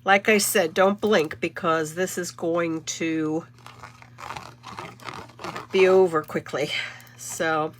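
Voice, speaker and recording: During a casual live card-making demo, the middle-aged channel host rambles chattily and corrects herself, sounding stuffy from a cold. Her voice is lowish and fairly even, with a slow pace and long pauses, and the audio carries a little hiss or hum.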